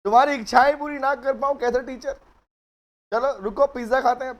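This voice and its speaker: A man's voice: very high voice, steady tone, a little fast. Chatty man teaching law. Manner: chatty and teasing, calls students beta. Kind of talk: live online lecture.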